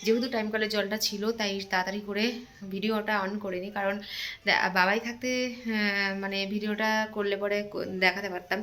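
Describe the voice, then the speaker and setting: A woman's voice: mid-range voice, fairly even intonation, a little fast, a bit bright. A young woman chatting to her viewers as she goes about her chores at home, talking into a handheld phone. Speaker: home vlogger. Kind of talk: casual vlog narration to viewers. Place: at home, kitchen.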